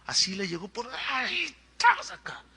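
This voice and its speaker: A middle-aged man with a Mexican accent preaching a sermon, telling stories in an animated way and acting out the people in them. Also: high-pitched, moderate pace, crowd noise. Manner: animated storytelling with acted-out quotes. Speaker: pastor.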